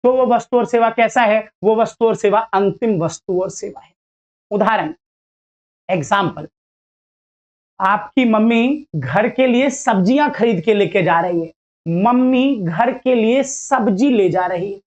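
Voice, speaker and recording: A man's voice: high voice, a little slow. A male teacher giving a casual lecture to students, chatty and playful, acting out little dialogues as he explains.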